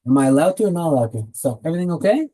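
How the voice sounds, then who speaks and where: An Israeli man leads a relaxed weekly Torah class, talking in a chatty, joking way with his students. His voice sits a bit high for a man and has a mellow, soft tone. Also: very fast, low-quality recording. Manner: lively, conversational, joking with students. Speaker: rabbi teaching a weekly class.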